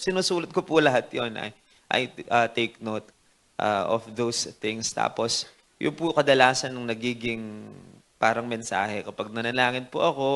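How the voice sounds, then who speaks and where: A man's voice: mid-range voice, fairly bright tone. Earnest male pastor praying and preaching. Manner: switches between Filipino and English, polite and earnest with frequent fillers. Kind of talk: sermon with opening prayer.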